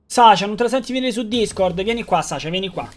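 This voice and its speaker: Young streamer, high voice, casual joking banter with chat, loose and profane. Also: male voice, expressive, fast, slight background noise. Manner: rambling, joking, swearing, talks to chat. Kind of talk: live gaming stream chat.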